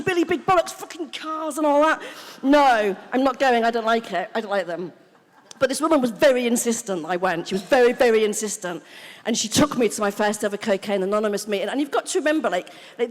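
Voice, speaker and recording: British woman sharing her story in a hall. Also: medium pitch. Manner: frank, animated storytelling with swearing and mock quotes of herself. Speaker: main speaker at a recovery convention. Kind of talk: personal recovery testimony to a live audience. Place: large convention hall. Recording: long reverb of a large hall.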